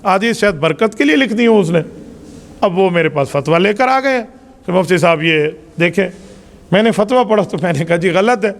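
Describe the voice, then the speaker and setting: Male Pakistani cleric, high voice, rhetorical sermon delivery, reverberant mosque hall. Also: lively intonation. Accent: Pakistani Urdu. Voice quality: emphatic, rhetorical questions to the congregation. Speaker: mufti preaching Friday sermon.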